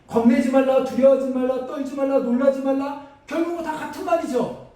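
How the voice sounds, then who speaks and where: High-voiced pastor preaching in an echoey hall. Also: male voice, steady tone, a little fast, warm tone. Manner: emphatic, asks the congregation questions and acts out battle cries. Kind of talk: sermon. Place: church sanctuary. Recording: echoey church hall, mic at a distance.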